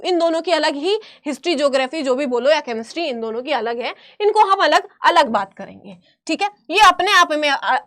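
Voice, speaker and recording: Emphatic high-voiced woman teacher. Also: bright, forceful tone. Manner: emphatic, repeats phrases, calls students beta. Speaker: chemistry teacher. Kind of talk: exam-prep lesson.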